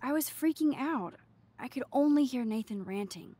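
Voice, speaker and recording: A woman's voice: sits high, lively intonation, moderate pace, dark tone. An American actress playing an earnest, awkward teenage schoolgirl in a video game, hesitant and sincere. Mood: uneasy. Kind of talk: video game drama acting.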